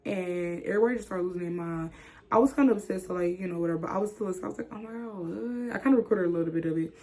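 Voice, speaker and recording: A young woman from the chatting casually through a storytime vlog, dropping into whispers and jumping high when she acts out what people said. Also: racing. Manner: animated, acts out quotes with sudden whispers and high squeals. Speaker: vlogger.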